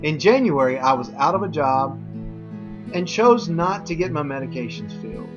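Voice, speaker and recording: A man's voice: fairly high pitch, lively intonation, normal speed, lo-fi sound, over music. A man presenting a scripted infomercial as a wellness coach, speaking directly to viewers in an earnest, folksy way with a personal testimonial tone.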